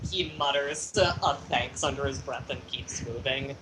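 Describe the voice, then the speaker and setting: A woman's voice: extremely low pitch, background noise. A woman narrating a tabletop game as game master, casual and laughing, with some swearing. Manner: casual, laughing, a bit profane.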